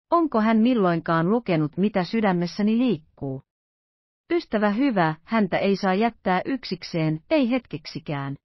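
A woman's voice: mid-range voice, dry recording, lo-fi sound, close to an everyday voice. A woman reading a troubled young woman. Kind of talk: audiobook character voice.

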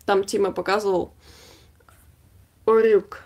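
A woman's voice: mid-range voice, flat delivery, slow pace, a little mellow. A woman in her twenties co-hosting a vlog, chatting casually and reading out comments with informal, wry humour. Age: 20s. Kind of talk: casual chat. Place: small indoor room packed with gear.

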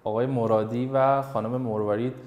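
A male teacher works through a lesson, coaxing and quizzing students by name as he goes. His voice sits at an ordinary middle pitch. The sound carries a roomy echo. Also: fairly even intonation, a little mellow. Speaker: English teacher. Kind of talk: classroom English lesson in Persian.

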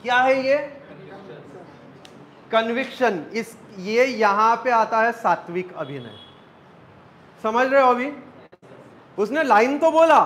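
A man's voice: sits high, a bit bright, a little hiss or hum, poor audio. A man, an acting coach teaching a class, quizzing students and joking with them.

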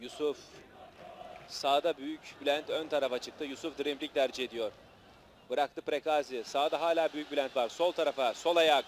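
Man, live match commentary, slightly high voice, clipped phrases, clearly noisy outdoor recording. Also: steady tone, normal speed. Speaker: football commentator. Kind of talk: live television football commentary, short clipped play-by-play. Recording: noisy old match broadcast, outdoor stadium.

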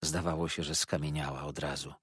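A man narrating a classic novel as an audiobook in a grave, measured way. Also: a bass voice, level tone, fairly bright tone, breathy edge, dry recording, clean studio sound. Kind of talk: scripted literary narration.

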